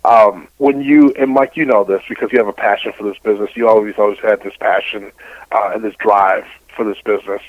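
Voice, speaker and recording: A middle-aged radio host, interviewed here, shares casual opinions and often repeats phrases as he builds a point. He speaks fairly quickly in a lowish, steady voice, on a lo-fi recording with no room sound.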